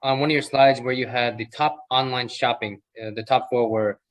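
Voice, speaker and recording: A man's voice: mid-range voice, steady tone, moderate pace, poor audio. A man moderating a webinar Q&A over a video call, politely thanking the speaker and reading out audience questions. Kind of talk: hosting a Q&A session.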